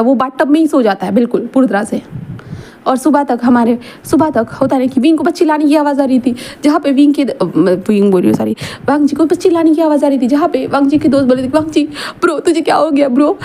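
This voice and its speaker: A woman's voice: high-pitched, fast, mellow. A woman casually narrating a fanfiction story, rambling and correcting herself as she goes. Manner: rambling, repeats and self-corrects.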